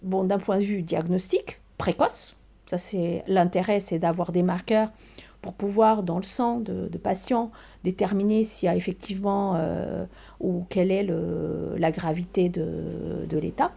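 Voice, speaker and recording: An older woman speaks as an interview guest, her voice dark, mellow and gravelly with a touch of fry. She talks haltingly, filling pauses with ums and restarting her sentences. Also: lowish voice, steady tone. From Portugal. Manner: hesitant, many fillers and restarts. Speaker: research scientist guest. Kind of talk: casual interview answers.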